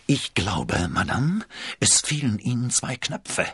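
Jealous, agitated king in a storybook reading, voiced by a man: hoarse, forceful. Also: low-pitched, lively intonation, slow, no room sound, clean studio sound, exaggerated voice.

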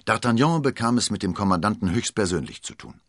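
A man narrating an adventure audiobook in an expressive storytelling manner. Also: lowish voice, fast, dry recording, studio quality.

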